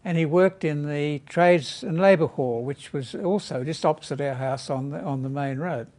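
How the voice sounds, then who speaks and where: Man in his eighties, fairly high pitch, reminiscing steadily. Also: normal speed, darkish tone. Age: 80s. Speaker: oral history interviewee.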